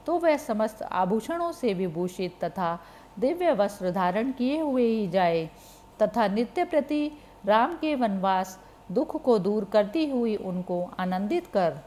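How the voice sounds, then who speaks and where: A woman's voice: mid-range voice, lively intonation, slow, darkish tone. A woman reading as a stern old sage. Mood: scolding. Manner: stern reproach read aloud. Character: older male sage, stern and scolding.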